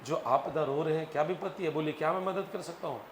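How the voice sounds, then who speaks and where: Guy playing a polite passerby asking what's wrong, quiet voice, echoey room. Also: on the high side, quick pace, natural voice. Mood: concerned. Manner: polite, concerned. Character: polite male passerby on the road. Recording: echoey classroom, faint noise.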